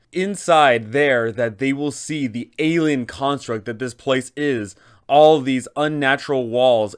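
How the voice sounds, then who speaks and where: A man hosts a tabletop game guide, a game master narrating advice for other game masters in a casual, emphatic way. His voice is mid-range and a bit bright.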